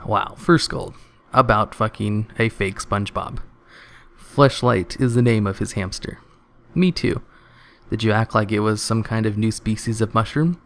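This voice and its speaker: A man's voice: fairly low pitch, vocal fry. A man hosting his channel, casually reading online comments aloud in a dry voice and holding back laughs.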